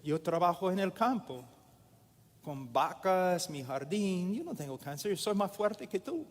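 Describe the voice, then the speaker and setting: A man's voice: high voice, big pitch swings, measured pace, a little hiss or hum. A man voicing a strong-willed older farm woman who defiantly refuses bad news. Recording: echoey hall with long reverb.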